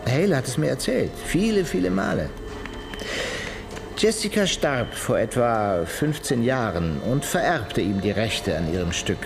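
In a radio crime drama, an actor with a deep male voice plays a talkative, cynical music producer. He tells his story expansively over a noisy background.

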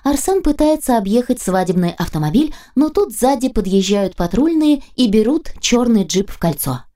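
A woman reading a first-person audiobook aloud in a lively, ironic manner. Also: on the high side, normal speed. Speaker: audiobook narrator.

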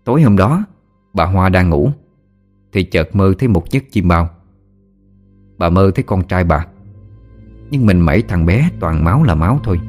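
Male audiobook narrator, very low voice, faint music behind. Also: moderate pace, pauses often. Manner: steady storytelling. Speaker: story narrator.

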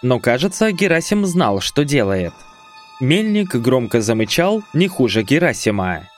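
A man's voice: medium pitch, very animated, a little slow, soft background music. A man reading a first-person fantasy audiobook with wry, conversational asides. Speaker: audiobook narrator.

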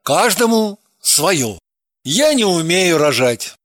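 A woman's voice: lowish voice, sing-song, slow, no echo, studio quality. A woman voicing an easygoing man who teases and jokes casually in a storybook reading. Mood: teasing. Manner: teasing, casual. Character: easygoing joking man, friend.

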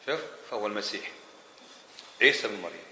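Fast, bright-voiced preacher. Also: male voice, on the low side. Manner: lively, colloquial, asks the audience rhetorical questions. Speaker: Islamic scholar teaching a book. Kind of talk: religious lesson. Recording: echoey room, faint background hiss.

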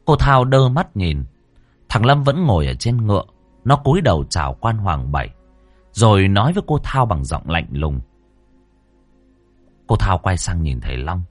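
Man reading a spooky story, low voice, really animated, dry close mic. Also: normal speed, pauses often, dry recording, faint music behind. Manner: expressive, dramatic storytelling. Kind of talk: ghost story narration.

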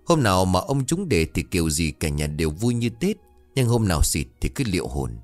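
A man's voice: sits low, sing-song, brisk, no echo, faint music behind. A man narrating a first-person ghost story in a storytelling manner.

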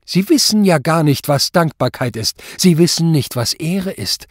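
A man doing a raging, mocking judge; high, loud, lively, husky storybook voice. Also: normal speed, no echo, studio quality. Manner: mocking, shouting, furious. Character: cruel, sneering, bellowing male Nazi judge.

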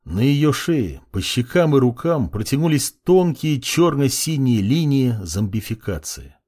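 Husky man narrating a dark audiobook. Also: medium pitch, sing-song, a little slow.

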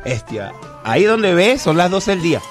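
A man's voice: sits high, sing-song, moderate pace, over music. A man, a musician guest, chatting loosely in a radio studio interview, telling rambling stories and repeating his words. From immigrant living in Spain. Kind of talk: casual radio interview chat.

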